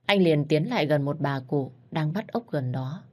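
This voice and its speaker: A woman telling a story as a measured, scripted narration. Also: low-pitched, lively intonation. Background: faint music.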